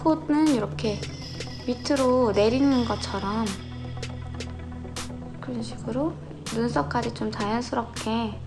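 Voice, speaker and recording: Higher-voiced woman teaching everyday makeup. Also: unhurried, long pauses, over music. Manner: gentle step-by-step instruction. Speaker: makeup tutorial host. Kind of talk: casual makeup tutorial.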